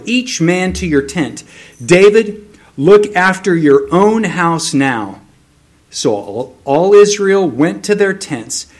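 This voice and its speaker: A man delivers a sermon at an unhurried pace. His voice rises and falls with a lot of movement in pitch as he reads scripture and explains it. He sits somewhat high for a man. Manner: slow, measured reading with lively emphasis. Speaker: preacher.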